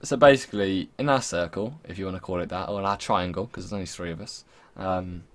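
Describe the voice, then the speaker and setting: A man's voice: sits low, fast talker. A young man hosting a podcast with casual, sweary, teasing banter over a voice call. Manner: sweary, mocking. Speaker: podcast host.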